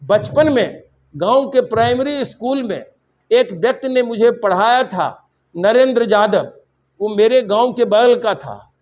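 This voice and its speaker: A man's voice: very high voice, lively intonation, unhurried, darkish tone, lo-fi sound. An older man from Bihar, a university vice-chancellor, giving a rambling, story-filled seminar speech and slipping into English phrases. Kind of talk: public lecture speech.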